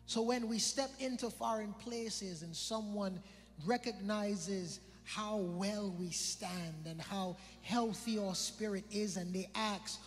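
Male preacher, British Virgin Islands accent, high voice, repeats lines and quizzes the congregation; echoing hall. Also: slow pace, faint music behind. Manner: questions the congregation, repeats phrases for emphasis. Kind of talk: sermon.

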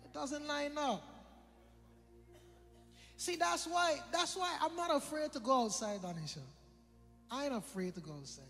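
Male preacher, British Virgin Islands accent, high voice, repeats lines and quizzes the congregation; echoing hall. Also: lively intonation, unhurried, pauses often, fairly bright tone, faint music behind. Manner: questions the congregation, repeats phrases for emphasis. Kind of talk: sermon.

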